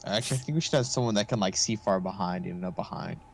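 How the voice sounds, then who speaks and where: A man's voice: sits low, fast, vocal fry, crowd noise. A young man playing in a tabletop game, joking around in a casual, slangy way. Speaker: player.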